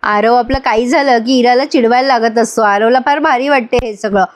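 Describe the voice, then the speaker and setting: High voiced lady chatting thru a serial recap, talks to viewers. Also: fairly quick. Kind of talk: casual retelling.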